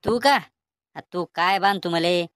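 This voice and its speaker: A woman voicing a bossy, stubborn old grandfather in a cartoon comedy, speaking with a Vidarbha Marathi accent in a gruff, defiant, threatening way. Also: lowish voice, a little slow, fairly bright tone, no room sound, studio quality.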